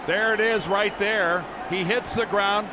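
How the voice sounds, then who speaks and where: A man's voice: high voice, steady tone, measured pace. A man giving live television analysis of a football replay as color commentator. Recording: noisy stadium broadcast.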